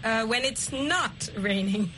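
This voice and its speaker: A middle-aged woman hosting an English practice chat, speaking slowly and clearly and repeating the learners' answers. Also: a little high, pushed and bright, slight background noise. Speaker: host leading an English conversation session. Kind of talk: encouraging language-practice chat.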